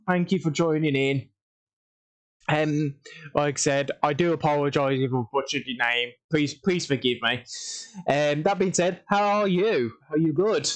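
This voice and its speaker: A young man hosting a casual livestream, tired after a workday, rambling with many ums, restarts and repeated stock phrases. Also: a little high. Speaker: streamer.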